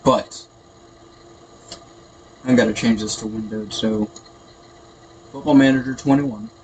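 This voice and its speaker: A man's voice: lowish voice, fairly even intonation, unhurried. Man on a tinny computer mic, noisy. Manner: hesitant, rambling. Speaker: gaming video host. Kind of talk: casual gameplay commentary. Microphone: built-in computer microphone. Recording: tinny echoey computer mic, background noise.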